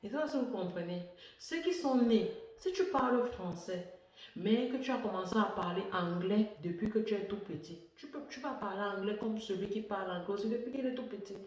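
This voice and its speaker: A woman's voice: mid-range voice, brisk, a little mellow. Chatty woman, echoey and far off. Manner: chatty, repeats words, laughs often. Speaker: vlogger. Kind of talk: casual personal vlog talk. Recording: echoey room, far from the mic.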